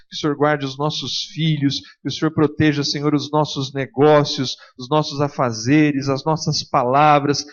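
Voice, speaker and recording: Guy closing out a church service, earnest steady prayer, kinda dull lo-fi sound. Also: fairly high pitch. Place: church hall.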